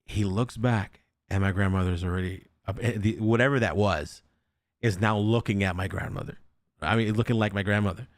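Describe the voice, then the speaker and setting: With a lowish voice and a fairly quick delivery, a young man hosts a podcast and spins a ghost story in a laid-back, animated way. He swears a lot and acts out the quotes of the characters, and the sound is clean studio audio without echo.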